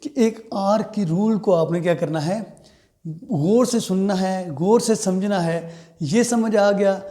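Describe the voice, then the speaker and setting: A man's voice: sits high, dark tone. A man teaching English pronunciation in a video lecture. He switches between English and Urdu-Hindi, repeats key phrases and corrects himself as he goes. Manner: self-correcting, frequent "you know".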